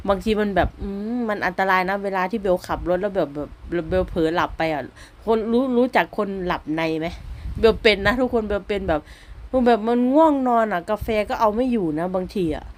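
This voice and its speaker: A woman with an Isan Thai accent, a stay-at-home mother narrating her vlog as a casual voice-over, chatty and quick to laugh, often speaking straight to the viewers. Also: mid-range voice. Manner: chatty, keeps addressing viewers directly; laughs easily between remarks.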